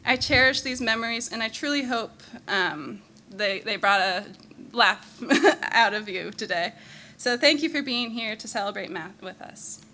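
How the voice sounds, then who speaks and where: Bright-voiced woman giving a fond eulogy. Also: a little high, unhurried, slight background noise. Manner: fond and humorous, laughing between lines. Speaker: eulogist, younger sister. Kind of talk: prepared memorial speech.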